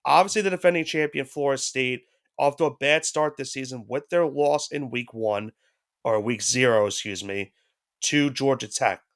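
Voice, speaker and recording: Nursing a head cold, this man co-hosts a sports podcast at normal speed in a mid-range voice. His talk is relaxed and rambling, full of hedges and repeated restarts.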